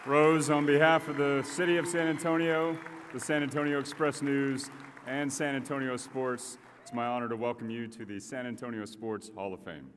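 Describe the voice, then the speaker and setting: A man's voice: mid-range voice, flat delivery, moderate pace, fairly bright tone. A man making a formal announcement at a ceremony. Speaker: presenter. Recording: reverberant hall with faint crowd noise.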